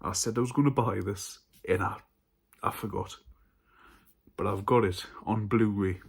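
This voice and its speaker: A man talks casually to camera in a haul vlog about horror films. His voice sits low and has a husky edge. He is chatty and stumbles over his words at times. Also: steady tone, moderate pace. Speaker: horror film channel host.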